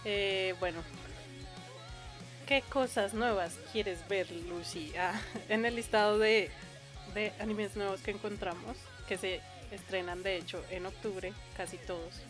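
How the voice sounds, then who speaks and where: A woman's voice: medium pitch, steady tone, a little slow, music in the background. A young woman, chatting casually as a podcast co-host in a playful, giggly manner. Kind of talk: casual chat about anime.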